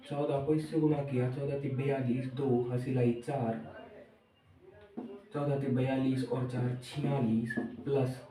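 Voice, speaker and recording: Warm and mid-range, this man's voice belongs to a maths teacher walking the children through a lesson one step at a time, repeating every step and putting questions to them. He's distant from the microphone in an echoey room.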